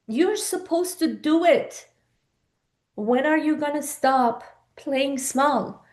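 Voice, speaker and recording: A coach from Iran whose first language is Persian gives a live online talk, urging her audience earnestly and asking plenty of rhetorical questions. Her high voice is animated and a little mellow, and she speaks slowly.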